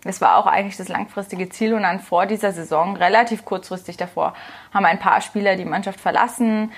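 A woman reporter chats casually on a local sports podcast, loose and friendly in her phrasing. Her voice is soft and a little breathy, sitting in a middle register. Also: mid-range voice, fairly quick. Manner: chatty, laughs often, many fillers.

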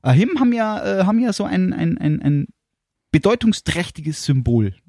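A man's voice: sits high, sing-song, moderate pace, mellow, no echo, studio quality. A man co-hosting a late-night radio quiz, joking around and humming or singing bits of songs. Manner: playful, sings snatches of lyrics.

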